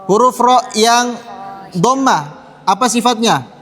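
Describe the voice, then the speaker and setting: High-voiced man teaching recitation, echoing hall. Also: slow, fairly bright tone. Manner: patient, drills pronunciation and has the class repeat. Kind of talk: tajwid lesson to children. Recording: long hall reverb.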